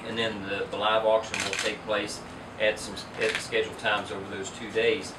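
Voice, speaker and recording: At a moderate pace, the owner of an auction company, a middle-aged man with a lowish voice, explains matters in a steady, businesslike way to an indoor press event. He is recorded from a distance, so the sound is roomy, and air-conditioning hums loudly throughout.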